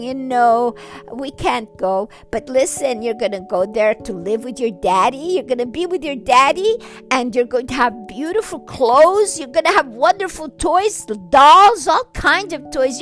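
Woman playing a gentle, tender old grandmother. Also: high-pitched, takes it slowly, soft background music. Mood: soothing. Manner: gentle, coaxing reassurance.

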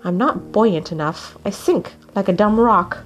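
A woman's voice: mid-range voice, a little slow, soft background music, close to an everyday voice. A woman voicing a grumpy young penguin who complains with whiny sighs. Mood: grumbling. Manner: whiny, sighing grumbles.

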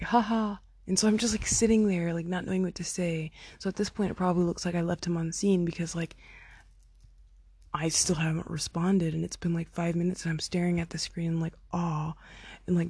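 A chatty young woman recording herself on her phone, piling on fillers and playing out each line of dialogue. Her voice is mellow and slightly husky, sitting a little low. The sound is close and dry, with no room around it. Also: no echo. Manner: chatty, lots of "like" and "oh my God", acts out quotes. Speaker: podcaster telling a concert story. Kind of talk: casual storytelling.

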